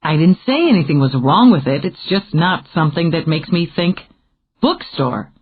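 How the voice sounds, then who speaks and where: A female narrator voicing a dry, teasing man in a deadpan manner. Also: sits low, normal speed, breathy edge. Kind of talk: audiobook character reading. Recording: tinny phone-like audio.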